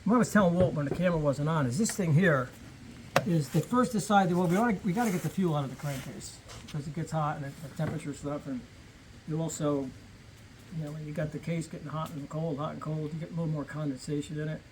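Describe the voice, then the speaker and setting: Man with a thin, squeaky, reedy voice. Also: slight background noise, rough recording. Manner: rambling, halting, thinks aloud. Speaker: vintage chainsaw hobbyist explaining features. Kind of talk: casual, unscripted explaining and chat.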